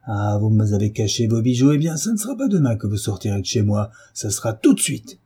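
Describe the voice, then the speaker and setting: A man's voice: mid-range voice, normal speed, dark tone, husky, lightly acted. A man reading a novel aloud and voicing a drunken, hulking husband who bullies and threatens his wife. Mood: enraged. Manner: bullying, blustering threats. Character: brutish drunken giant of a husband, furious.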